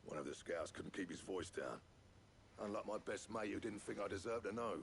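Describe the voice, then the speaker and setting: An actor playing a blunt, stubborn male master blacksmith with a gravelly voice. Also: fairly low pitch, lively intonation, a little fast, slight background noise. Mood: gruff.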